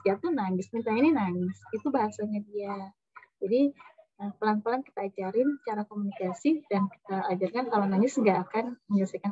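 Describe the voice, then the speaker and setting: Lively woman lecturer, dull lo-fi sound. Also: on the high side, dry recording. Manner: lively, acts out quoted voices. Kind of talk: university lecture.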